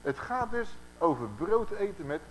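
Animated male preacher with a lively voice. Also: sits high, measured pace, slight background noise, poor audio. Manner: animated, asks the audience rhetorical questions. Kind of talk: conversational Bible-teaching sermon.

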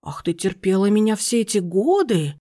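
Woman doing a bossy, shrill middle-aged aunt. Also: big pitch swings, moderate pace, darkish tone. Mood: indignant. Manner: indignant, shrill outbursts.

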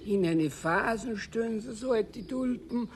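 A folksy old Bavarian caretaker. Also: male voice, high voice, unhurried, slight background noise. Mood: good-natured. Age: older. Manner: folksy, chuckling. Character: old male caretaker, gruff but kindly. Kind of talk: 1970s radio play acting.

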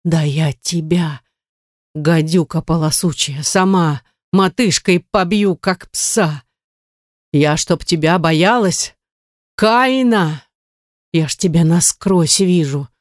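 A woman's voice: on the low side, takes it slowly, no room sound, studio quality. A reader voicing an old grandmother who shrilly curses and accuses a neighbour in an audiobook. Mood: bitter accusing. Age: older. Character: old grandmother, bitter, cursing, superstitious.

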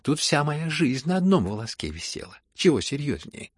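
Storybook heroine, proud young woman, sharp and mocking, read by a man in a husky, dry voice. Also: a little high, very animated, moderate pace, no echo, voice pushed up. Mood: mocking, indignant. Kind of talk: audiobook character voice.

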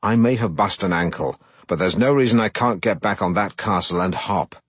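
A middle-aged man, reading a comic first-person story aloud in a deadpan, self-important manner, close to the mic. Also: on the low side, normal speed, husky, no echo. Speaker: audiobook narrator.

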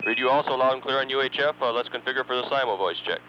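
A man working as a mission control communicator, giving brisk procedural voice checks over helmet radio. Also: mid-range voice. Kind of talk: air-to-ground radio voice checks. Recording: dull radio transmission with clear noise.

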